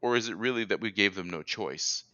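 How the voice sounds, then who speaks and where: Speaking a little fast in a lowish voice, this interview host pushes his point with energy and emphasis, growing more excited as the conversation goes on. The audio is dull, with no echo.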